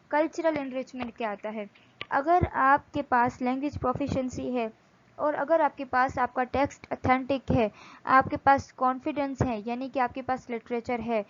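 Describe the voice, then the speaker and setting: A woman lecturing from slides, reading English text slowly and explaining it in Hindi. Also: sits high, fairly bright tone, highs cut off.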